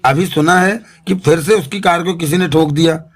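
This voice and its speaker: A man voicing a gruff male gangster with two pistols who talks in blustering slang, in an audiobook. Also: a little high, moderate pace. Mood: boastful. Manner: Bombay street slang, blustering.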